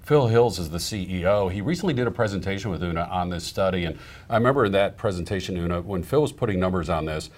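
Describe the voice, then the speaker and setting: A man's voice: low-pitched, animated, fast talker. A man hosting an interview, asking questions conversationally. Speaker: interview host. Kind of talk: podcast interview.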